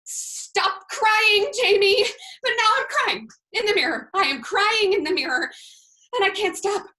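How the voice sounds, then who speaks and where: Picture a frazzled young waitress, played by a woman, rattling off her night in one breathless spiral. Her voice sits high and bright, and it teeters on the edge of tears. It is a stage monologue performed over video. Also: big pitch swings, normal speed, exaggerated voice, low-quality recording. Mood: weepy.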